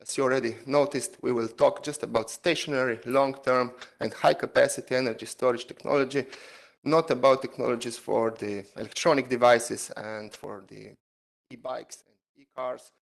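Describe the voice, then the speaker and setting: A man, a PhD student, giving an online seminar talk over a video call, halting with many fillers and non-native phrasing. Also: medium pitch, fairly even intonation, vocal fry, poor audio.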